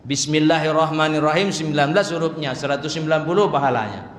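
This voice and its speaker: A man preaching an evening religious lecture, chatty and humorous, slowing down to chant Arabic verses. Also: on the high side, animated, a bit bright. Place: mosque hall. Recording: echoey hall, faint room noise.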